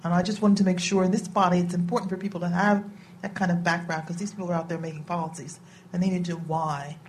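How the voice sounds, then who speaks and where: A woman committee member making deliberate, emphatic remarks at a hearing. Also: lowish voice, level tone, a little mellow, recorded from a distance, a little hiss or hum.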